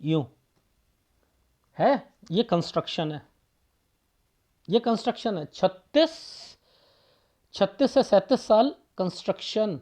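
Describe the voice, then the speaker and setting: A man's voice: high-pitched, animated, takes it slowly, pauses often, warm tone. A man reading a palm aloud for viewers as a palmist, firing off rhetorical questions and repeating phrases for emphasis.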